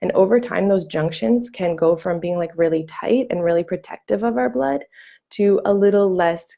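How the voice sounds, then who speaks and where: A young woman coaching viewers in a live-streamed talk, chatty and full of fillers, with a gravelly morning voice. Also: medium pitch, normal speed, warm tone. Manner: chatty, many fillers and restarts. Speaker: wellness coach hosting a live training.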